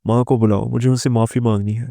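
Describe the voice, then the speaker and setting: A man's voice: mid-range voice, level tone, creaky, dark tone, dry recording, studio quality, natural voice. A man reading as a paranoid, terrified young wife.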